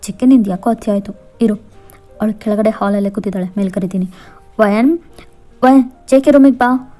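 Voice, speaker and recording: A woman voicing a brisk middle-aged mother in a Kannada fan-fiction audio story, nagging loudly. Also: medium pitch, steady tone, soft background music, lightly acted. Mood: scolding. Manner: loud, nagging scolding.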